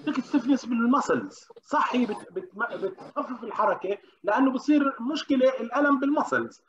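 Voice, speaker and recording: A man giving an interactive medical lecture, often questioning the class and pausing with hesitations. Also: extremely high pitch, expressive, crowd noise. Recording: dull lo-fi recording.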